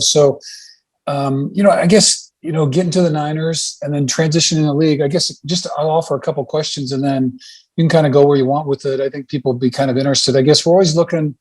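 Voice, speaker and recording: Man, podcast host, bit higher voice, rambling casual interview, hedges a lot. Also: darkish tone. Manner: rambling, hedging with "I guess" and "you know".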